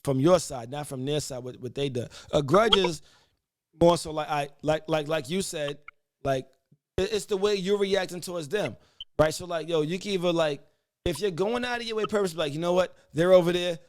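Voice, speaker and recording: Guy cohosting a live podcast, slightly high voice, laughs a lot, curses casually reading the chat. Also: moderate pace. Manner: laid-back, laughing, profane banter.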